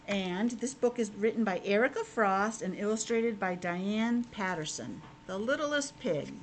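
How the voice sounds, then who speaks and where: A woman teacher with a mid-range voice reads a picture book to young children at a measured pace, her intonation lively. She pauses now and then for simple conversational asides, and the background is clearly noisy.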